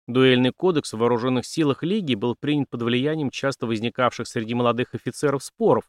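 A man's voice: mid-range voice, dry recording. Male audiobook narrator, dry close sound. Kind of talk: scripted narration.

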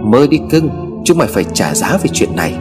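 A man's voice: mid-range voice, sing-song, a little fast, music in the background, natural voice. A man voicing a cunning, vengeful female ghost who taunts and threatens in a sneering manner, in a narrated ghost story. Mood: taunting.

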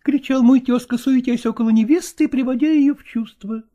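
A woman reading a storybook aloud in an expressive, animated way. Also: high voice, brisk, dull audio. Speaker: narrator.

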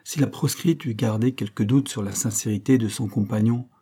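Casting: male audiobook narrator, low dark voice, steady literary reading. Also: moderate pace, husky.

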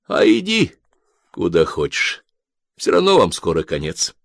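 A man reading a story and voicing a calm, grey-haired older soldier who speaks with steady, dry irony. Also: low voice, unhurried, creaky, no room sound, exaggerated voice. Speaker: corporal in a war story. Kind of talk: audiobook character voice.

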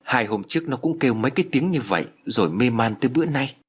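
A man voicing a sharp-tongued young woman in an audio story, shrill and scolding. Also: animated, quick pace, husky. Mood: agitated.

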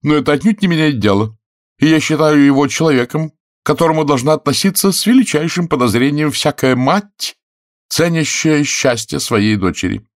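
A man's voice: fairly high pitch, animated, moderate pace, no echo, studio quality, pitched above the performer's own voice. Man voicing an imperious domineering matron. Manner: imperious, categorical.

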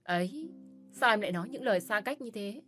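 Woman putting on a violent, sneering male abuser; audio story, loud barked threats, mid-range voice. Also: mid-range voice, expressive, brisk, soft background music, close to an everyday voice. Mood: leering. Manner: leering, snarling threats. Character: brutal abusive adult man, crude and threatening.

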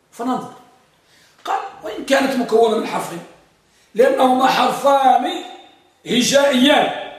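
A man teaches grammar to a class, repeating each rule and checking whether his students follow. His voice sits high for a man. He sounds set back from the mic, in a room with strong echo. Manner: repeats points and quizzes students. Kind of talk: classroom lecture. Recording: echoey room from far off.

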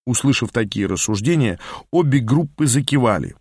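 A man reading an audiobook in an expressive storytelling manner. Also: medium pitch, moderate pace, slightly rough, dry recording, clean studio sound. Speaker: audiobook narrator.

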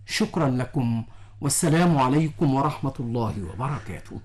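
A man's voice: medium pitch, a little fast, crowd noise. A male radio host giving a formal, courteous closing announcement and thanking the guests.

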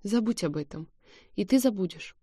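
A woman voicing a devoted, protective young man, soothing and hushed, in a dry, close audiobook reading. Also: mid-range voice, animated, normal speed, breathy edge, no echo. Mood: quiet.

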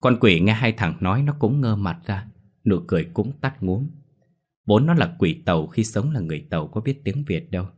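Man, horror story narrator, low voice, steady measured delivery.

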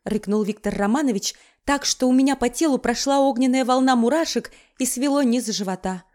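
A woman reading a novel aloud in the first person, with wry, lively storytelling. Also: fairly high pitch, fairly quick. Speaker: audiobook narrator.

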